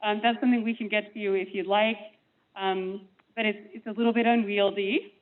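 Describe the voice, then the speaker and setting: A woman's voice: medium pitch, fairly even intonation. A woman staff presenter explaining a plan to a meeting, speaking through a face mask, her voice cutting in and out. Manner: measured, explanatory, frequent ums. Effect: voice cutting in and out over a thin remote line. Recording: tinny phone-like line, breaking up.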